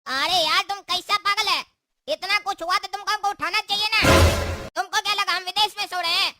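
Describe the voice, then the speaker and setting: A woman's voice: very high voice, pushed and bright, no room sound, clean studio sound, exaggerated voice. A woman voicing a boastful, cocky young male troublemaker in a cartoon, bragging and teasing.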